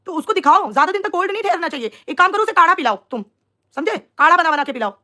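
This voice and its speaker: A woman's voice: very high voice, expressive, quick pace, sharp tone. A young woman chatting on a live stream, teasing and mocking rivals while talking to her viewers. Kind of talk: casual live stream chat.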